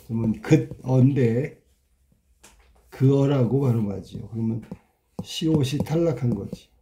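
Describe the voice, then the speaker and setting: Dark-voiced male teacher sounding words out. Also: medium pitch, a little hiss or hum. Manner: talkative, sounds words out slowly and repeats them, asks rhetorical questions. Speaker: Korean language teacher. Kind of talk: casual exam walkthrough lesson.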